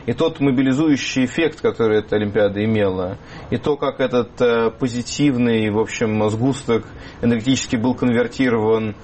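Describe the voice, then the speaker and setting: Halting man as a studio guest. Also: mid-range voice, darkish tone, slight background noise. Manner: halting, many hesitations and restarts. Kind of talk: talk show discussion.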